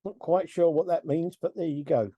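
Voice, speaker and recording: A middle-aged man hosts a casual film review podcast, rambling and chuckling as he corrects himself. His voice sits a little high and sounds mellow. It is recorded close on a dry mic. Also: steady tone, moderate pace, slightly rough, dry recording, highs cut off. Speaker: podcast host.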